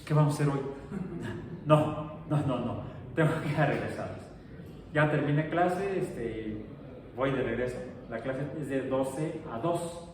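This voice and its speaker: A middle-aged man with a Mexican Spanish accent, lecturing a class and slipping into chatty anecdotes. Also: medium pitch. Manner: chatty, digressive storytelling. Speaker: teacher. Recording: roomy echo, distant mic, faint noise.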